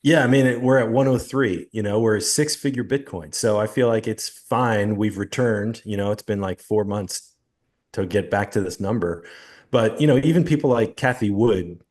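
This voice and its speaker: Forties male co-host, deep low pitch, laid-back and chatty. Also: moderate pace, darkish tone. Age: 40s. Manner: easygoing, laughs often, lots of fillers. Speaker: podcast co-host. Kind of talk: casual chat.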